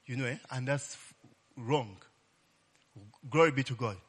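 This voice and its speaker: In an unhurried, medium-pitched voice that is a little bright and slightly rough, a man gives a relaxed Bible lesson from the pulpit. His phrases frequently close with "eh?" as a tag question, he works in call-and-response, and he shouts "Glory be to God" and "Hallelujah."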